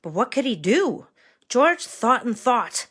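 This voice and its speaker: Animated, bright-voiced woman reading to a toddler. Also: a little high, breathy edge. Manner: reading to a toddler, slow and expressive with questions to young listeners. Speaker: children's story reader. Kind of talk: animated picture-book read-aloud.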